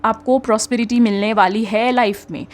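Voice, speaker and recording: A woman's voice: a little high, steady tone, moderate pace. A young woman, giving chatty spiritual guidance as a tarot reader and often checking in with her listeners. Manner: chatty, mixes English into talk, frequent tag questions.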